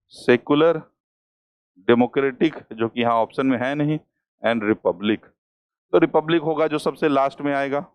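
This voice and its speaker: A man's voice: medium pitch, no echo. A man teaching an exam-prep class, working through questions step by step and repeating the key terms. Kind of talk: lecture solving exam questions.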